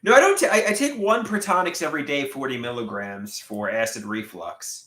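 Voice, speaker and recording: This man is in his late thirties, a livestream host with a stuffed nose who chats casually and reads out viewer comments in an echoey room. He speaks in a mid-range voice that's animated and a little fast, with a sharp tone. Frequent halts, repeated words, and restarted sentences break up his speech.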